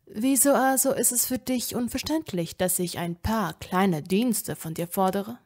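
A woman voicing a charming, sinister young male wizard who speaks softly and insistently. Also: mid-range voice, measured pace. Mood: menacing. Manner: soft, insistent, menacing.

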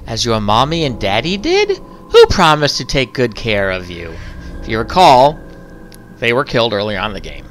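A man voicing a sinister, manipulative inner voice in a game let's-play, low, slow and menacing. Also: huge pitch swings, slight background noise.

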